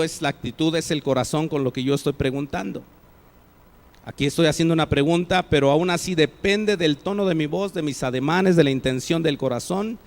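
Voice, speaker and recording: A man's voice: fairly high pitch, in a large hall. A man with a Mexican Spanish accent, preaching a sermon as pastor and acting out example phrases with changing tones. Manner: acts out example phrases with shifting tone. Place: church hall.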